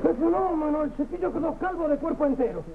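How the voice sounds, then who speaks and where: Very high-pitched clownish soldier. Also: male voice, expressive, quick pace. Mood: cheeky, protesting. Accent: Argentine. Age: middle-aged. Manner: exclamatory, wisecracking. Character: cheeky, put-upon clownish soldier, a bungling orderly. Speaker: comedian. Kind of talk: 1960s television sketch comedy acting. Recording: tinny, noisy old television soundtrack.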